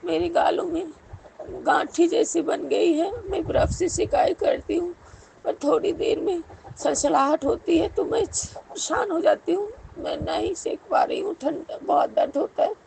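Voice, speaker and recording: Gravelly, high-pitched woman pleading in prayer. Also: unhurried, a little mellow, a little hiss or hum, poor audio. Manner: pleading, repeatedly addressing the guru. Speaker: devotee sharing a personal prayer. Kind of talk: spoken devotional prayer.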